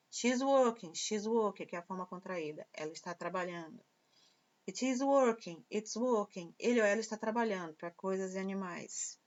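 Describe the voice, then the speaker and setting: A woman teacher explaining English grammar slowly and patiently. She repeats example phrases and translates them. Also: mid-range voice. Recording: dull lo-fi sound.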